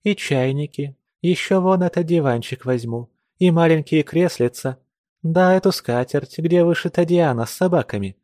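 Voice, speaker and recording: A male reader voicing a lively, naive young village girl who talks coyly and teasingly. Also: on the high side, moderate pace, dry recording, clean studio sound, pitched above the performer's own voice, lightly acted. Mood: girlish, playful. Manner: playful, coy, teasing.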